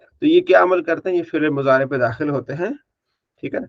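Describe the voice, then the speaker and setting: Man teaching Arabic grammar, slightly high voice. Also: fairly quick, muffled recording. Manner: drills students by asking and answering his own questions, repeats forms. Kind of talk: online class lecture.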